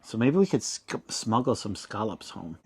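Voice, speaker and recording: A man's voice: on the low side, sing-song, normal speed, darkish tone, slightly rough. A man hosting a road-trip vlog, chatting in an easygoing, casual way. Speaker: RV travel vlog host. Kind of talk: casual travel chat.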